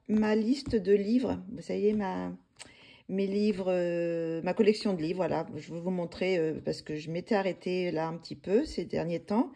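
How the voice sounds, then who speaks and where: A woman's voice: lowish voice, vocal fry, mellow, slightly rough. A woman vlogger chatting casually about her coloring books, hesitating often with fillers and restarts. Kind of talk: casual chat.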